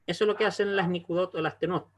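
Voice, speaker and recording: Guy teaching an online class, kinda high voice, slow and patient, keeps checking everyone's following. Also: steady tone. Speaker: Hebrew teacher. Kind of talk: online language lesson.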